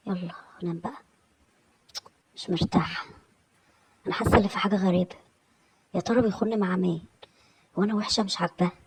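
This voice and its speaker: A woman's voice: fairly low pitch, slight background noise, poor audio. A woman with an Egyptian accent in a comic inner monologue, grumbling and muttering to herself. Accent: Egyptian Arabic. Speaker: comedy sketch creator.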